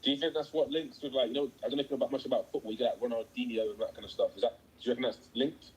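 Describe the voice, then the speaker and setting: A man's voice: medium pitch, fairly even intonation, rapid-fire, husky, low-quality recording. A man with a British accent, a voice actor chatting and joking in a casual interview, often restarting his sentences. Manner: jokey, stammering restarts. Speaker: voice actor guest.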